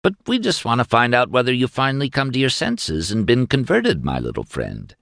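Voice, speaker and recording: A man's voice: mid-range voice, wildly swooping pitch, a little fast, creaky, fairly bright tone, no room sound, clean studio sound, voice pushed up, full character voice. An actor playing a cold male interrogating officer who barks short questions and then coaxes slyly, in a storybook reading. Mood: coaxing. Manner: curt, then coaxing and sly.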